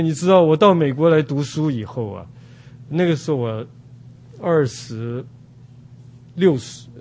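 An older man from Taiwan preaching a sermon at an unhurried pace, with many drawn-out "ah" fillers. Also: on the high side, a little mellow.

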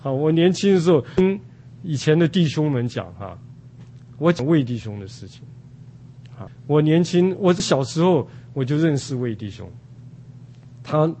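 An older man from Taiwan preaching a sermon at an unhurried pace, with many drawn-out "ah" fillers. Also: fairly high pitch, animated, dark tone, a little hiss or hum.

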